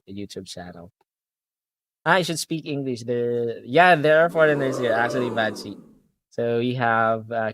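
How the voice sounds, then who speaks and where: A man's voice: fairly low pitch, fairly bright tone. Chatty Filipino man streaming. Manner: chatty, reads viewer comments aloud, mixes in Tagalog. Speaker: game streamer. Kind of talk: casual live-stream chat.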